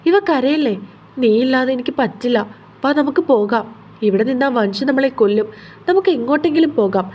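A woman's voice: high-pitched, animated, fairly quick, a little mellow, a little hiss or hum. A woman reading the lines of an obsessive young man who pleads and turns menacing. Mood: pleading. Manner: pleading, possessive, then menacing.

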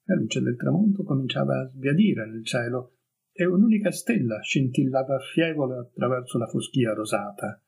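A man reading a story aloud as an audiobook, in a calm and measured narrating voice. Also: medium pitch, vocal fry, husky, rough recording. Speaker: audiobook reader.

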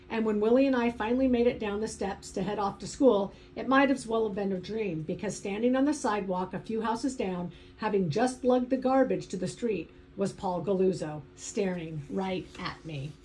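A woman's voice: mid-range voice, warm tone, poor audio. A woman narrating a first-person audiobook in a conversational, wry inner-monologue manner.

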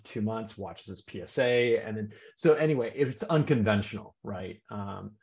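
A man's voice: lowish voice, gravelly, a little mellow. A man speaking on a video call, rambling with many fillers and restarts. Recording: dull lo-fi call audio.

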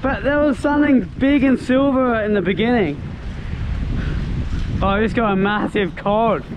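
An excitable man calls out his catches from a boat, his voice pitched very high. Wind and boat noise sit clearly behind him. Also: normal speed, dull audio. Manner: excitable, exclaims often. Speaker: fishing vlogger. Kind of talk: excited fishing commentary.

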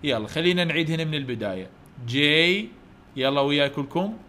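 A man with an Iraqi Arabic accent, teaching English letters to children online, coaxing loud repetition and heaping praise. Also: on the high side, expressive, brisk. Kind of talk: online letter-drill lesson.

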